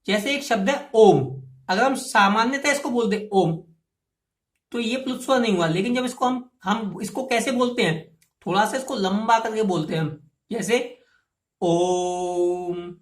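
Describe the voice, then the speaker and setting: A woman's voice: on the high side, normal speed, reverberant. A woman teaching a grammar lesson. She explains patiently and step by step, repeats key terms and asks listeners to say the sounds aloud themselves. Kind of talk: classroom lesson.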